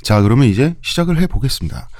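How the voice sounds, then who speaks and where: A man's voice: mid-range voice, sing-song, fast, darkish tone, no echo, studio quality. A man with slushy, lisping s sounds, telling history conversationally as a podcast host and explaining things with everyday examples.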